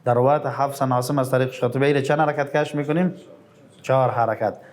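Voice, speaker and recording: A middle-aged man with an Afghan Dari accent leads a Quran recitation lesson in a mid-pitched voice. He poses quick questions to his listeners and answers them himself. He lingers over each recited word, stretching it out slowly. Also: fairly even intonation.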